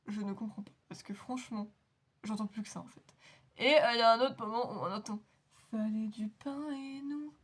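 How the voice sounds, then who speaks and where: A woman hosting an anime reaction video, chatting casually in a rambling, giggly, self-mocking way. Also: on the high side. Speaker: anime reaction channel host.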